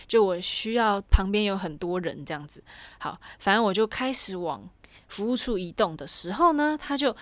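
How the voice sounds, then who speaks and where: A young woman casually telling a personal story, animated and chatty with lots of fillers. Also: mid-range voice, no echo. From Taiwan.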